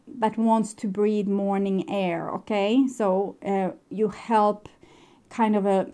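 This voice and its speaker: A woman doing a pick-a-card tarot reading who gently advises the viewer, speaking directly to them in loose, wandering phrases with fillers. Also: mid-range voice.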